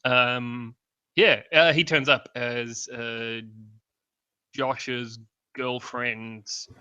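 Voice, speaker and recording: A man's voice: medium pitch, steady tone, very slow, bright, forceful tone, clean tone, dry recording, lo-fi sound. A man, casually reviewing a film with a wry, rambling manner and many fillers. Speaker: film review podcast host.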